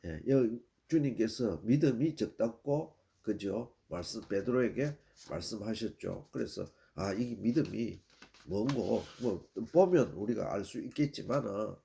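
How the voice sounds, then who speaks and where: A man's voice: fairly low pitch, expressive, slow pace, vocal fry, warm tone, a little hiss or hum. An older man from the region preaching a sermon, retelling a scripture story in a plain way and often stopping to say "yes" before going on. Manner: plain storytelling with repeated "예" and restarts.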